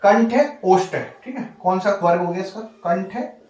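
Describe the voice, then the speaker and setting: A man with a high voice teaches a grammar lesson in a patient, repetitive way. He keeps asking rhetorical questions and checking that the class is following. The recording carries a roomy echo. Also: animated, normal speed, a little mellow, recorded from a distance.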